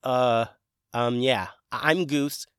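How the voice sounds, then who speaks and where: A man's voice: medium pitch, drawn-out words, clear, resonant tone, dry recording, clean studio sound. A man voicing an eager boy turned into a dragon, talking earnestly and a bit hesitantly.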